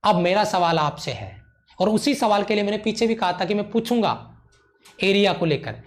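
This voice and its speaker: A man's voice: sits high, expressive, normal speed. A man teaching physics in a live online lecture, emphatic, repeating key points, often checking whether students follow and showering them with praise.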